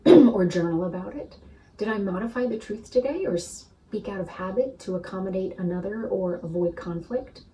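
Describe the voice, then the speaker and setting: A woman spiritual teacher leading a gentle guided practice, soothing and unhurried, often checking in with "right?". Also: medium pitch, recorded from a distance, slight background noise, rough recording.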